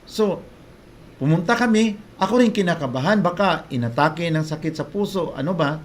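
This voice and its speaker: A man's voice: on the high side, expressive, moderate pace, a little hiss or hum. A man preaching, telling a testimony to his congregation in an earnest storytelling way, often breaking off and restarting his phrases.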